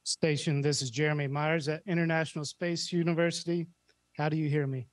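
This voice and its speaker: A man's voice: a little high, steady tone, a little fast, no room sound. A man hosting an event, giving a formal voice check and a welcome. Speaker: event host.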